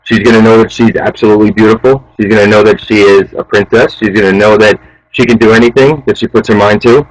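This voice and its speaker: A man in his thirties, a chef interviewed as a guest, talking casually and urging people on in a fast, animated way. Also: on the low side, poor audio. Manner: fast, animated, motivational, says "man" a lot.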